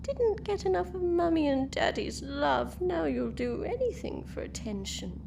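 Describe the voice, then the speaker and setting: For a fan audio drama, a woman plays a cruel, mocking time-travelling villainess, taunting her captives in a sing-song, theatrical manner. Her voice is high, gravelly, very animated and exaggerated, a little slow, with background noise behind it.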